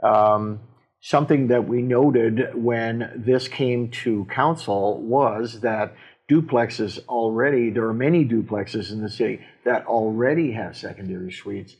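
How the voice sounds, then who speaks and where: A man, a city mayor, explaining council decisions in casual talk, halting with many fillers and restarts, with a Canadian accent. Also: mid-range voice, darkish tone, husky, rough recording. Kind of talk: casual civic discussion.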